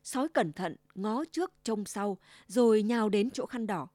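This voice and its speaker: A woman narrating a children's fairy tale in an expressive, storytelling way. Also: medium pitch, normal speed, no echo, studio quality.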